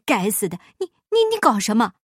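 A woman's voice: a little high, expressive, moderate pace, slightly rough, no echo, clean studio sound. A woman voicing a stingy, greedy old landlord who stammers and blusters in a storybook reading. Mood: stammering greed. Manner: stammering, grasping, indignant.

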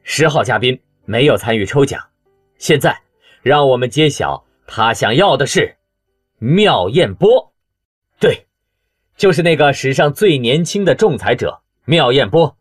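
A male audiobook reader voicing an excitable male TV game show host who announces in a showy way with drawn-out reveals. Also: medium pitch, husky, faint music behind, pitched above the performer's own voice. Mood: hyped. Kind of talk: audiobook character voice.

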